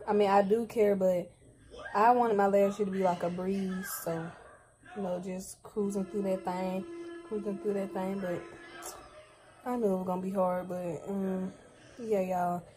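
A woman's voice: mid-range voice, little pitch movement, a little slow. A young woman in her late teens, chatting casually to her viewers at home in a slangy, direct way. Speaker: vlogger. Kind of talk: casual vlog chat.

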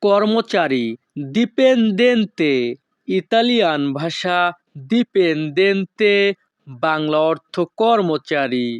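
A man teaching vocabulary in a slow, repetitive drill, saying each word and then its meaning. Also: sits high, expressive, smooth, no echo. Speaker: language teacher.

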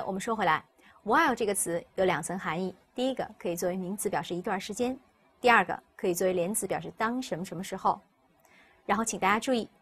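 A woman teacher, explaining English vocabulary step by step and repeating each word slowly for students. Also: mid-range voice, a bit bright, husky. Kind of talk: recorded vocabulary lesson.

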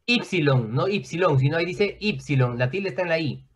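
Talkative male teacher, fairly high voice. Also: lively intonation, fast, breathy edge. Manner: conversational, checks in with students often. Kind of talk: online class lecture.

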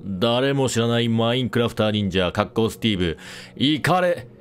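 A man giving casual, excitable commentary over his own gameplay, breaking into panicky repeated exclamations. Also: mid-range voice, moderate pace. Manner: playful self-introduction with a mock-dramatic recap. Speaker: game commentator.

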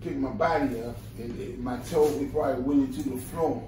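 A man's voice: mid-range voice, a little fast, warm tone, very echoey, recorded from a distance, a little hiss or hum. Mumbling male patient, off mic. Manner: hesitant, mumbled short answers. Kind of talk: casual chat. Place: clinic exam room.

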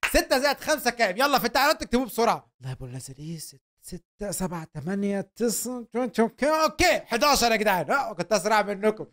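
Egyptian guy doing let's play commentary, high voice, fast and hyped, joking around. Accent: Egyptian Arabic. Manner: excitable, joking, talks to viewers. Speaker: gaming channel host.

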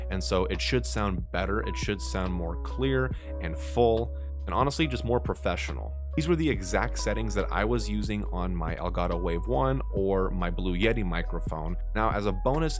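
This streaming tutorial creator, a young man with a deep-set voice, lays out software settings in calm, orderly steps for a screen-capture tutorial. He records on a boom-arm studio mic inside a small, dark bedroom studio glowing blue.

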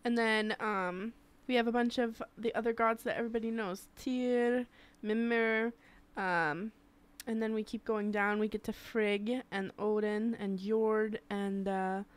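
A woman co-hosting a casual history podcast, chatty and quick to laugh as she reads through a list. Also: fairly high pitch, fairly even intonation, clear, resonant tone.

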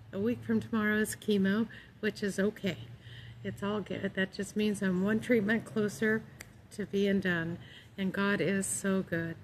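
A middle-aged woman chatting casually to camera about faith in a calm, gentle, unhurried way. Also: medium pitch, poor audio. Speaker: vlogger sharing her faith. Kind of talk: casual devotional chat to camera. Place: outdoors in a park among trees. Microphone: phone at arm's length. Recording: outdoor phone recording with background noise.

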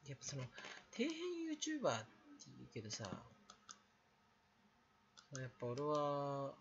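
A man's voice: mid-range voice, huge pitch swings, measured pace. Guy ranting solo late at night, crude and blunt, voice swoops all over, dull lo-fi sound w faint hiss. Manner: talks alone to the mic in bursts. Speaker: aspiring game streamer.

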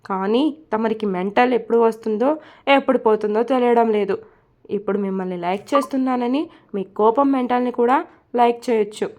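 A woman voicing a lonely, tearful young wife who confides softly in a read-aloud story. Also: fairly high pitch, a little fast, lo-fi sound, close to an everyday voice. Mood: tearful, confiding.

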